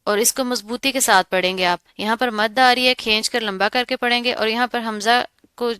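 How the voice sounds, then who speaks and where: A woman teaching a Quran recitation lesson, explaining each rule step by step and repeating words slowly. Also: on the high side, fairly even intonation, bright, forceful tone, smooth, no room sound, studio quality. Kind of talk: tajweed lesson.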